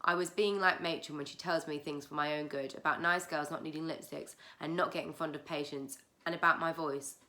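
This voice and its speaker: A woman's voice: sits low, steady tone, a little fast, few pauses, bright, forceful tone. A woman doing a breezy, teasing young nurse.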